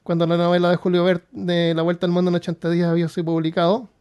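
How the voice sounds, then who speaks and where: An upbeat man with a high voice co-hosting a podcast. He leads the chat casually and jokes with his co-hosts. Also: monotone, fast talker, a little mellow, clean tone, lo-fi sound. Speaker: podcast co-host.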